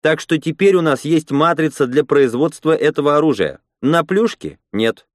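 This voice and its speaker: A man's voice: fairly high pitch, animated, normal speed, no room sound, studio quality, pitched above the performer's own voice, close to an everyday voice. A man reading a story, voicing a pleased male leader giving a speech to a crowd. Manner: speechmaking, smug. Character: male rebel leader Zyama, pleased orator.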